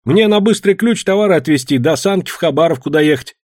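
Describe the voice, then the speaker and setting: A man voicing an eager male peasant trader who presses his questions in a husky voice. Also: a little high, lively intonation, a little fast, dry recording, studio quality, pitched above the performer's own voice. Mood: pressing.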